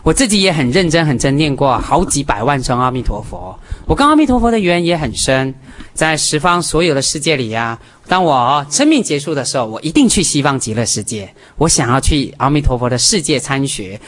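A man's voice: fairly high pitch, big pitch swings, brisk, fairly bright tone. A man teaching a Buddhist gathering, talking emphatically and counting off practical points one by one. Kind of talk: Buddhist dharma talk to a gathering.

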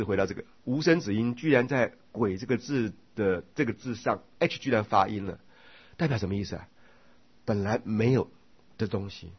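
An older man leads a relaxed Buddhist sutra class, reading scripture in slow, drawn-out phrases before wandering into chatty asides. His voice sits low and slightly husky. The recording sounds dull and lo-fi. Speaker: Buddhist lecturer. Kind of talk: casual sutra commentary lecture.

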